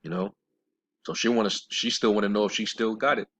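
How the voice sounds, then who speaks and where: A deep-voiced man rambles through scripture commentary, full of fillers and blunt, scornful asides. He reads the verses in a slower, measured cadence. The recording sounds dull and lo-fi. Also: lively intonation, gravelly, a bit bright, a little hiss or hum. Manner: rambling, with many fillers and restarts. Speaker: religious commentator.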